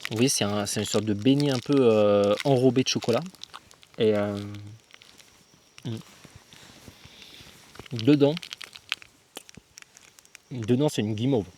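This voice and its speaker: A young man talks loosely to a handheld camera, vlog style, slangy and chummy with his viewers. His voice sits in a middling pitch, and he thinks out loud, stopping and restarting as he goes. A faint hiss of background noise sits under him. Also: slow, long pauses. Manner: chatty and slangy, addresses viewers as guys; thinks aloud with frequent fillers and restarts. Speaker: travel vlogger. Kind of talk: casual vlog talk to camera.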